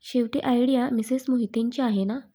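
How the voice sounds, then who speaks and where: A woman voicing a young man, a gentle, teasing fiancé, speaking lower than her own voice. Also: fairly even intonation, normal speed, slightly rough. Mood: affectionate. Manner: affectionate, playful teasing.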